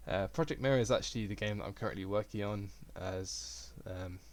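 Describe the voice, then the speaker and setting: A young man giving a relaxed, rambling software tutorial at his computer. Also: fairly low pitch, fairly quick. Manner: relaxed, rambling, self-deprecating. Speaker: game development tutor. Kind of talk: casual screen-recorded tutorial.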